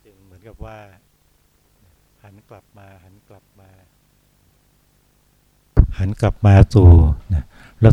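A Buddhist monk from Thailand giving a dhamma talk, unhurried, often pausing on soft particles and repeating phrases. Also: male voice, deep voice, no echo. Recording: dull lo-fi recording.

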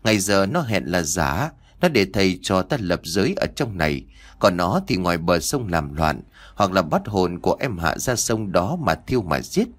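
A man's voice: sits low, big pitch swings, moderate pace. A man voicing an anxious young male monk who pleads with his master to hurry, in an audio story. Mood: urgent.

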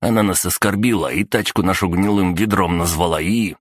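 A cocky young street thug, voiced by a man, shouting in a strained high pitch. He blusters loudly over a dry, close recording with no room sound. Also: a little fast, slightly rough, dry recording. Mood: brash. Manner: cocky then squeaky, shouting. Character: brash swarthy young male street thug.

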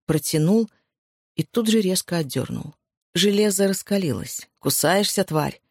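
A man's voice: high voice, lively intonation, normal speed, a little mellow, slightly rough, no echo, clean studio sound. A man reading a story aloud, voicing the characters' lines himself. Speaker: narrator.

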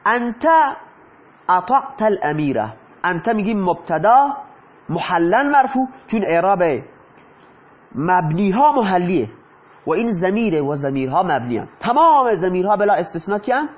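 Teaching Arabic grammar in Persian, a man with a high, slightly rough voice and big pitch swings regularly asks the class questions only to answer them himself. The recording is muffled.

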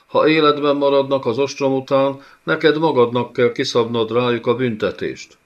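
A man's voice: medium pitch, steady tone, dull audio, pitched above the performer's own voice, lightly acted. A man playing a fawning, pleading envoy. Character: groveling scheming male envoy.

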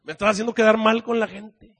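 A man with a Mexican accent voicing a sulking, childish prophet who whines, pleads and shouts in angry outbursts. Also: high voice, steady tone, fairly quick, slightly rough. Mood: furious pleading.

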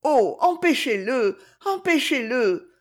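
A spirited young orphan girl with a high, urgent voice that swings widely as she defends the weak, played by a woman reader. Her tone is earnest and heartfelt, with strong moral conviction. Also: big pitch swings, takes it slowly, exaggerated voice. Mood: pleading. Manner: pleading, then fiercely indignant. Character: brave orphan girl, compassionate and indignant.

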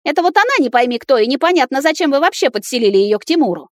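A woman's voice: on the high side, very animated, fairly quick, no room sound, studio quality, voice pushed up. A woman voicing a spoiled young woman with a cloying, squealing way of speaking. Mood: shrill. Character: sugary, shrill young fiancée, spoiled and spiteful.

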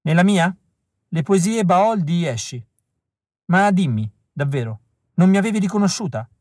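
A man reading an audiobook, voicing a tender and resolute rebel woman in a soft, earnest, measured way. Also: high-pitched, animated, no room sound, clean studio sound, voice pushed up. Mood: teasing.

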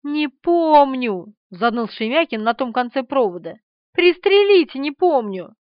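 A woman's voice: a little high, big pitch swings, measured pace, dry recording. Woman playing a mumbling, whiny young man. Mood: whining. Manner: mumbling, hesitant, trailing off. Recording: dull lo-fi audiobook recording.

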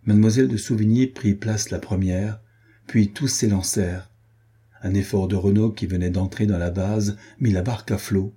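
Male audiobook narrator, very dark and husky tone, even measured reading. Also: lowish voice. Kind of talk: scripted narration.

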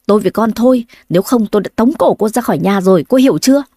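A woman's voice: mid-range voice, animated, quick pace, mellow, no echo. Woman reading as a scornful cheating husband. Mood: contemptuous. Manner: cold, scornful. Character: callous drunk young husband, contemptuous.

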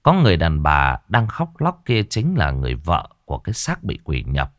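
A man narrating a ghost story in a dramatic, expressive storytelling manner. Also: very deep voice, moderate pace, no room sound, studio quality.

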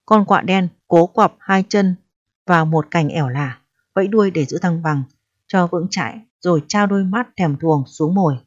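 Brief: female narrator for a literary story reading, low and calm, muffled lo-fi recording. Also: moderate pace, no echo. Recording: dry, dull lo-fi recording.

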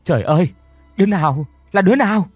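A man's voice: high voice, expressive, fast talker, a little mellow, slightly rough, dry recording, soft background music, pitched above the performer's own voice. A man doing a shrieking old grandmother. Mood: wailing. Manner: wailing cries.

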